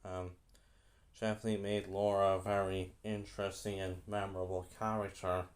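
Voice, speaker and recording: A young man giving a casual film review, halting and often repeating himself. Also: deep voice, little pitch movement.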